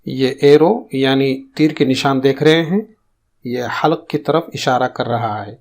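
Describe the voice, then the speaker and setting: A man teaching pronunciation in a recorded lesson, explaining calmly and drawing out demonstration sounds slowly. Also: mid-range voice. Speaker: tajweed teacher.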